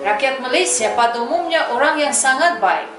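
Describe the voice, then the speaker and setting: A woman's voice: high-pitched, lively intonation, moderate pace. A middle-aged woman from Moscow, a native Russian speaker with a Russian accent, gives a prepared personal testimonial as a foreigner speaking fluent Indonesian-Malay. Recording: roomy, distant mic, music behind.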